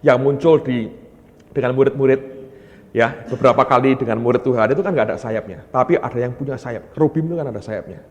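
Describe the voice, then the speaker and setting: A male pastor preaching a sermon, telling stories with lively energy and often addressing the congregation directly. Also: mid-range voice, fast talker, dull audio. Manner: animated storytelling, often calling the congregation "brothers". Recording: long hall reverb.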